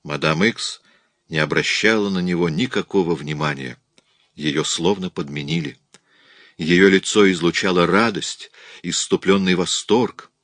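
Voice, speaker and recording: A man reading a story aloud as an audiobook narrator, in a measured, steady storytelling manner. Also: low-pitched, no echo, studio quality. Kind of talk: scripted narration.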